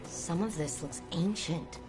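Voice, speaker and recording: Woman as a low-voiced, practical young adventurer. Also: unhurried, natural voice. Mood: cautious, curious. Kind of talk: video game voice acting. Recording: loud music behind the voice.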